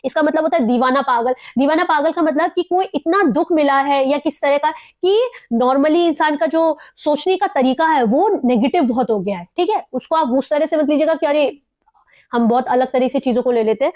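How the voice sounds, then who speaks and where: A woman with an Indian English accent, teaching English vocabulary in a mix of Hindi and English and slowly repeating each word. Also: high voice, darkish tone, no echo, clean studio sound. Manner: explains slowly, repeats words and spells out pronunciation.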